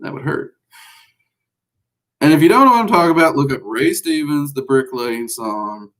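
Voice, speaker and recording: A Southern man with a fairly high, expressive, slightly bright voice talks at a moderate pace on a livestream. He hosts a magic-teaching stream and rambles folksily through casual chat with viewers, using lots of fillers.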